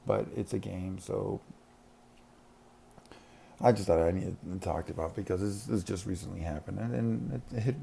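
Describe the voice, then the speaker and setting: Deep and dark-toned with vocal fry, a school counselor's voice moves at a moderate pace and pauses often, over slight background noise. He talks casually in a rambling monologue, frequently restarting and laughing between points.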